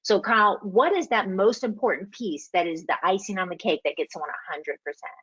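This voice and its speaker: A woman's voice: medium pitch, a little fast, fairly bright tone, breathy edge, muffled recording. A woman hosting a marketing webinar, coaching listeners emphatically and repeating key points. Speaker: webinar host.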